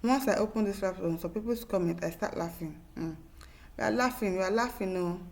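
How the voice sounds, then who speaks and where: A woman with a Nigerian accent talks a little fast in a medium-pitched, creaky voice while hosting an opinionated news commentary. Reading viewer comments, she is emphatic and exasperated, with lots of repetition and rhetorical questions.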